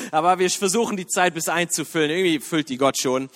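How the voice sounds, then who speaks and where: A man's voice: fairly high pitch, a little fast, in a large hall. A man in his thirties, a youth pastor, giving a casual, joking sermon in church. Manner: chatty, joking, lively, laughs often. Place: church hall.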